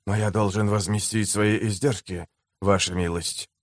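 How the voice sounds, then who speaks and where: A menacing slave trader, put on by a male audiobook reader, drops his voice low and quiet. The cold, grudging tone stays restrained. The sound is dry and close. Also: fairly even intonation, moderate pace, no room sound, natural voice.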